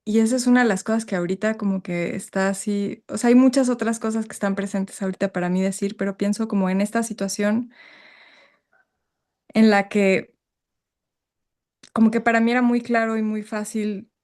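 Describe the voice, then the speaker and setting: A woman's voice: medium pitch, steady tone, fairly quick, darkish tone. A woman sharing her experiences on a group video call. She is emotionally stirred and searches for words as she speaks, frank and reflective. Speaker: workshop participant. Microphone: video call microphone.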